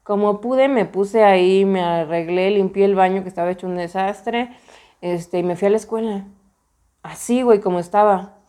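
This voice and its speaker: A woman's voice: medium pitch, moderate pace, mellow, clean tone. A young woman with a Mexican accent telling a personal story in a casual, slangy, emphatic way, often repeating herself. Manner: slangy, emphatic, many repetitions.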